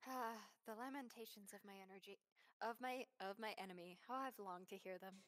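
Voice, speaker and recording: A woman voicing a grown female defense attorney in a low, intense, gloating tone. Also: brisk, fairly bright tone, natural voice. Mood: grim.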